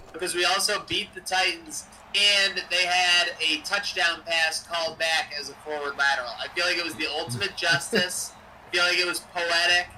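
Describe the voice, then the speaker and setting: Young male co-host, sharp bright tone, jokey casual play-caller, a bit off-mic. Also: sits high, distant mic, a little hiss or hum, rough recording. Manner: chatty, jokey, drops game calls between stories. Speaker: co-host of a game-sim stream. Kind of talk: casual chat and play-by-play over a simulated football game.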